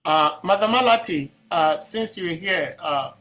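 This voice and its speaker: A man's voice: high voice, expressive, unhurried, sharp tone, rough recording. A man moderating an online devotional discussion, speaking humbly and carefully with many fillers over a video call. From Ghana.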